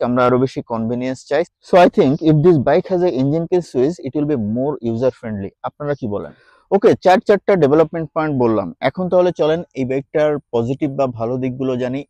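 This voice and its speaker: A man's voice: a little high, darkish tone, no echo. A man with a Bangladeshi Bengali accent giving a chatty motorcycle review while riding, dropping in English phrases and calling the listener brother.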